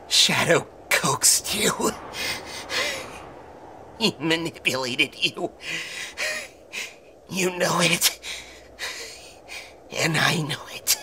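A man playing a wounded, dying hedgehog hero, bitter but defiant, speaking in halting, strained phrases in a fan audio drama. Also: fairly high pitch, bright, forceful tone, slight background noise, exaggerated voice. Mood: grieving. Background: dramatic music.

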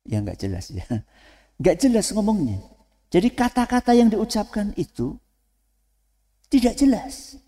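A man preaching to students in a lively way, asking the audience questions and then answering them himself. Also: sits high, a little slow, long pauses. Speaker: Islamic preacher. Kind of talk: lecture to students. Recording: long hall reverb.

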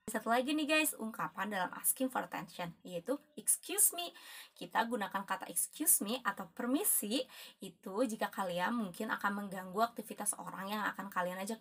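Bright-voiced woman teaching a lesson. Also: medium pitch. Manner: cheerful, addresses students as guys, shifts between Indonesian and English examples. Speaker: English teacher. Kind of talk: recorded video lesson.

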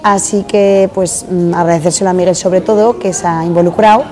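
A woman's voice: lowish voice, fairly even intonation, a little fast, music in the background. A woman in her forties, the organizer of a fair, answering interview questions hesitantly with many fillers in a busy hotel hall. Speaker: event organizer. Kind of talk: on-camera interview. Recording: crowd chatter behind.

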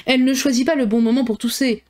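A woman reading a novel aloud, voicing a dry, teasing middle-aged father who speaks in a slow, ironic, mocking way. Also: sits high, fairly even intonation, darkish tone, pitched above the performer's own voice, lightly acted. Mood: wry.

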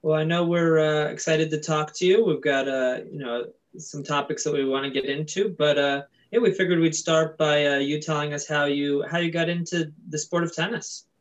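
A young adult man hosting a podcast interview over a video call, upbeat and halting with fillers. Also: a little high, steady tone. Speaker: podcast host. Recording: dull lo-fi call audio.

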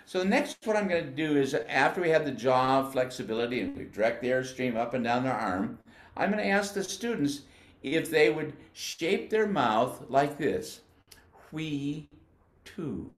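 An older man from the United States teaching band, explaining flute technique patiently and sounding out syllables slowly. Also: medium pitch, roomy sound. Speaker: music educator. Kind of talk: instructional demonstration.

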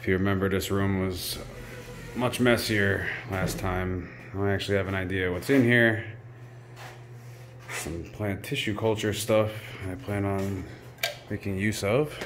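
Speaking low and at a measured pace over a noisy background, a man vlogs a casual walkthrough on a handheld camera. His offhand remarks accompany a tour of campus grounds and a building topped by a greenhouse.

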